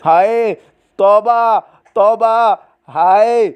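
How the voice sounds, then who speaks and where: A man's voice: on the high side, normal speed, darkish tone, natural voice. A man playing a sick, irritable middle-aged husband in a dramatic reading, groaning and complaining.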